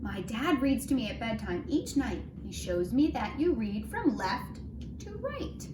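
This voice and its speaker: A woman with a fairly high, sing-song voice takes an unhurried pace while reading aloud in a phonics lesson for young children. She asks questions and sounds out letters and words, in a recording with roomy echo and clear background noise.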